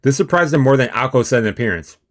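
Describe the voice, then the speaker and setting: The man here has a mid-range voice with lively intonation and a quick pace. During a let's-play stream he narrates a visual novel aloud, breaking in with informal, slangy remarks.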